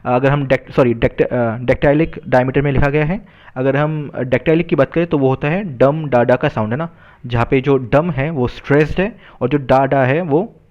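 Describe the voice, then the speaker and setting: A man's voice: mid-range voice, darkish tone, lo-fi sound. Man explaining a poem in a mixed tongue. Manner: many fillers, tag questions, slow recitation of verse. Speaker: literature teacher. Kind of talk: poem lesson mixing Hindi and English.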